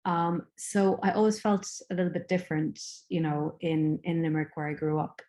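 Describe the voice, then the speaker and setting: Her voice sits on the low side with a warm tone, fairly even intonation, and a normal speed. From Ireland, she's appearing as a casual interview guest, hesitating with many ums and fresh starts and laughing readily.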